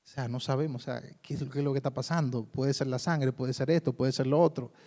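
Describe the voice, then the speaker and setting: A man's voice: medium pitch, steady tone, quick pace, dark tone. A man preaching a sermon in a conversational way, often calling his listeners brother. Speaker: pastor.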